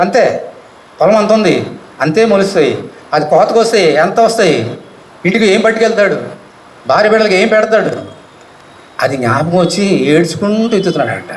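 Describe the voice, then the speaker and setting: A man with a Telugu accent delivers a sermon as a pastor, speaking quickly in a fairly high voice. He peppers the congregation with questions and calls out to them directly. The recording has the echo of a church hall and a little background noise.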